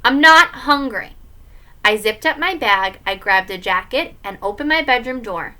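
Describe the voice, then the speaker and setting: A woman reading a children's book aloud in an expressive way. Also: mid-range voice, moderate pace. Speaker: story reader.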